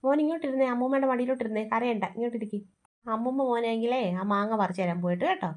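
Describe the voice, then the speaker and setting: A woman's voice: a little high, very fast, a little mellow, lightly acted. A woman voicing a grandmother in a family cartoon, who chatters and fusses over a crying boy. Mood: doting. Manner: chatty, fussing. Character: gossipy doting grandmother.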